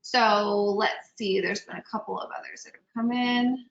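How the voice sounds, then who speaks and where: A woman moderating a panel webinar on a video call, relaying audience questions with upbeat, quick acknowledgements. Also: mid-range voice, steady tone, fairly bright tone. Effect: video call audio. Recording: muffled, roomy video call audio.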